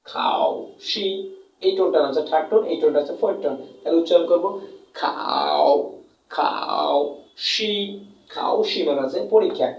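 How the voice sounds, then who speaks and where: A man's voice: a little high, dark tone. A man teaching a lesson, repeating points and answering his own questions, drawing out sounds to demonstrate tones. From Bangladesh. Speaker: Chinese language teacher. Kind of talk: classroom lesson in Bengali. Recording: echoey room, mic at a distance.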